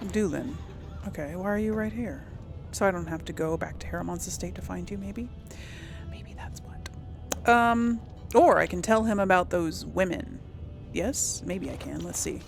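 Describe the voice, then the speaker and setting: A woman hosting a role-play let's-play series gives casual gameplay commentary, hesitantly rambling as she thinks aloud to herself. Her fairly low voice moves at a normal speed over music, with game ambience audible as clear background noise.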